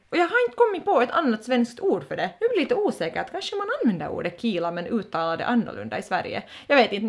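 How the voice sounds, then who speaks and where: Woman vlogger, 20s, Finland Swedish accent, playful and chatty, lively swooping pitch, voice on the high side. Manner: playful, drops in English phrases. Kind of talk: casual vlog explaining words.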